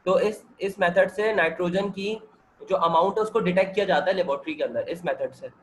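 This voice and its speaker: A hoarse man, working through chemistry multiple-choice questions with a student on a video call and checking that the student follows. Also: sits high, fairly quick, fairly bright tone, slight background noise, poor audio. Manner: explains step by step and keeps checking that the student understands. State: hoarse, with a sore throat and cold. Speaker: chemistry teacher. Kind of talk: MCQ-solving lecture over video call.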